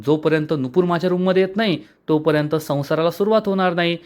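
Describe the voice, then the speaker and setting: A man's voice: fairly high pitch, quick pace, smooth, lightly acted. A man voicing a playful, lovestruck young husband who teases his wife with pet names, in a serial episode recap. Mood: scheming. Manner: teasing, cajoling.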